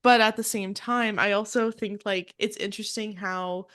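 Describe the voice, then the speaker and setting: A woman's voice: mid-range voice, fairly even intonation, moderate pace, fairly bright tone. A young woman co-hosting a podcast in casual chat, full of "like" and "um" fillers and frequent laughs. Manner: chatty, many "like" and "um" fillers, laughs often. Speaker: podcast co-host.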